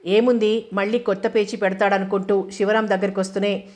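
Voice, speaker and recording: A woman narrates a novel for an audiobook in a steady, level voice. Her pitch barely moves, and she keeps an even tone as she reads the characters' dialogue too. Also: a little fast.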